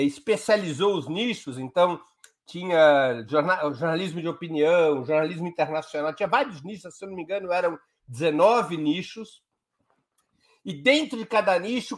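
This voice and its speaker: A man with a Brazilian Portuguese accent, a guest commentator explaining politics live on a talk show in an emphatic, step-by-step way. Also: on the high side.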